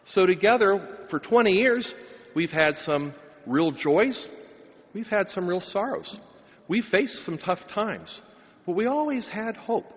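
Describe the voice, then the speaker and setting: A man's voice: sits high, animated, takes it slowly, breathy edge. A middle-aged man, a pastor, preaching a sermon and giving a blessing at a pulpit microphone, with emphatic, rising phrases. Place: large church. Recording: long church reverb, dull sound.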